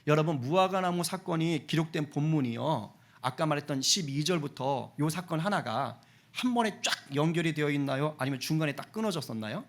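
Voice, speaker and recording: A man's voice: a little high, expressive, a little fast. A middle-aged man preaching a Sunday sermon as pastor in a church, talking conversationally and asking the congregation questions. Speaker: senior pastor. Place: church sanctuary.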